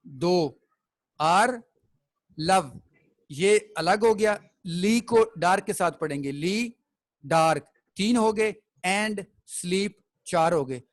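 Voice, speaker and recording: A man's voice: high-pitched, slow, no echo, low-quality recording. A man teaching a classroom poetry lesson. He explains step by step and keeps checking that the students follow.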